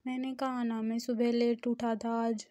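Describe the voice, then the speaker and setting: A woman's voice: fairly high pitch, flat delivery, normal speed, dark tone, no echo, studio quality, natural voice. A woman voicing a cheerful, whiny young male student in a storybook reading. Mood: eager.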